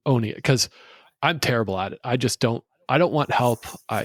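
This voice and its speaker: A man's voice: medium pitch, fairly quick, no room sound. A man hosting a podcast interview, speaking earnestly with frequent stumbling restarts. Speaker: podcast host. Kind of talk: interview conversation.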